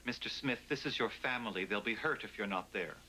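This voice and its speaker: A man's voice: lowish voice, brisk, bright, forceful tone, a little hiss or hum, low-quality recording. An actor playing a formal, loyal male household servant in a 1980s sitcom, precise and dryly ironic.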